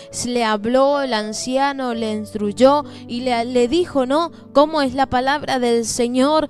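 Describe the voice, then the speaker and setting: A young woman giving an earnest, fervent religious testimony, often tagging her sentences with questions and restarting them. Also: high voice. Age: young adult. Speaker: church member giving testimony.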